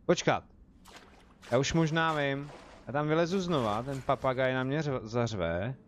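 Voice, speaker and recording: A man's voice: mid-range voice, a little hiss or hum. A young man with a Czech accent, chatting casually as he streams a game and jokes with his viewers. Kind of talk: casual live gameplay commentary.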